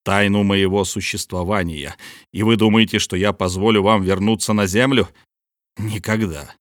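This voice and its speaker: A man's voice: lowish voice, fairly even intonation, dry recording, studio quality, lightly acted. A man voicing a stern, proud submarine captain who speaks coldly and with authority. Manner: cold, measured and authoritative. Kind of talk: audiobook character reading.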